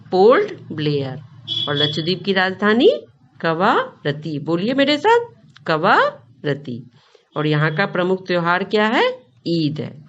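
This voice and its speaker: A woman's voice: lowish voice, muffled recording. A woman teacher with an Indian Hindi accent, explaining a school lesson, often asking the class a question and repeating the answer. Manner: reads a line, then asks the class and repeats the answer.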